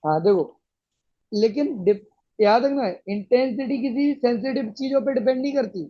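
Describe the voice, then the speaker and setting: A man's voice: very high-pitched, moderate pace. A male teacher explaining a science lesson to students, patiently checking that they follow. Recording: dull lo-fi sound.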